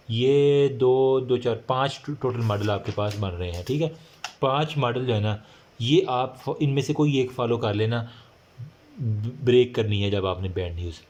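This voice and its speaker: In this informal recorded lecture, a man with a mid-range, darkish-toned voice slowly reads English points aloud. His explanations come in chatty Hindi, heavy with filler words.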